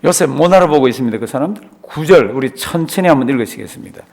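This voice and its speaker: A man's voice: medium pitch, lively intonation, fast talker, darkish tone. A man, a pastor, teaching a Bible study class, asking the class questions, answering them himself and repeating key words for emphasis. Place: church classroom.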